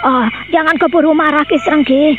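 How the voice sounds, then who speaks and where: A woman's voice: sits high, steady tone, normal speed, noisy background, natural voice. An actress playing a feisty old village grandmother in a radio drama, coaxing and then sharply indignant. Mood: placating. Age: older. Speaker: grandmother figure. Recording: dull lo-fi radio audio with faint music.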